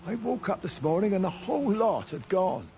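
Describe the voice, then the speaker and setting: An actor playing a worried older farmer in a video game, blunt and agitated. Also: male voice, high voice, big pitch swings, moderate pace, mellow, a little hiss or hum.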